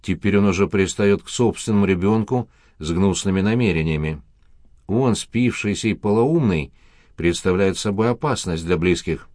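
Low-voiced man narrating a dark story. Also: moderate pace, no echo, clean studio sound.

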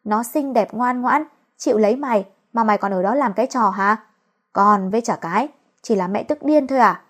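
A woman's voice: on the high side, brisk, lightly acted. A woman reading the part of an older mother who scolds her son and dotes on her daughter-in-law. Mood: scolding.

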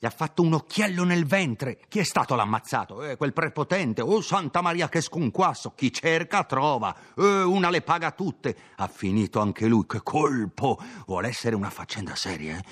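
Shrill panicky townsfolk crowd in a storybook reading, high and excited, voiced by a man, rapid exclamations. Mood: alarmed, excited. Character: frantic townsfolk crowd, gasping, gossiping.

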